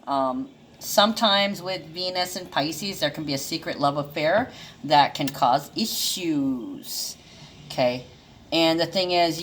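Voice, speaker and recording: A woman's voice: sits low, a little hiss or hum. A woman giving a casual, rambling astrology reading, full of fillers and restarts and now and then chuckling. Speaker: intuitive astrology reader. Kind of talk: casual monologue.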